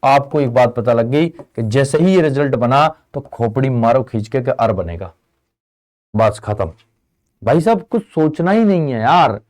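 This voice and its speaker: A man's voice: mid-range voice, lively intonation, a little slow, darkish tone. A young man teaching a lesson in a chatty way, often asking students whether they follow. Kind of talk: classroom lesson.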